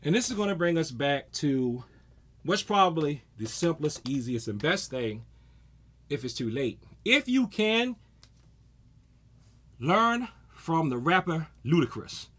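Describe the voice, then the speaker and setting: A man's voice: fairly high pitch, unhurried, long pauses, breathy edge. A man in his forties, a martial arts instructor, giving a casual self-defense talk and acting out stories with energy. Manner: animated storyteller, acts out scenes.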